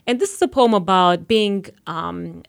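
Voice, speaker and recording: A woman poet from Romania in her forties, reading her poems slowly and deliberately on a radio show. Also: lowish voice, gravelly. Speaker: poet guest. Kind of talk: poetry reading.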